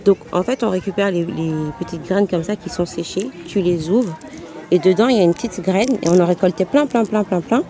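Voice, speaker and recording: A woman with a lowish, mellow voice talks fairly quickly as she films a casual holiday vlog outdoors on a handheld camera. She chats and explains things while walking, laughing often.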